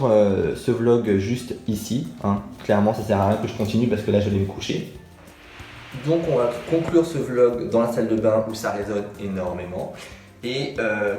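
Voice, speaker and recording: Casting: young male vlogger, warm mellow tone, chatty and excited, filmed on a camera at home. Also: mid-range voice. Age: 20s. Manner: chatty, enthusiastic, lots of fillers. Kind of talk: casual vlog chat to camera. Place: small bathroom at home, resonant.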